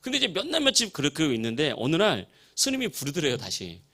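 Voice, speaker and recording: Male pastor, sermon storytelling, lively pitch, slightly high voice. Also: fast talker. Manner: animated, acts out the people in his story.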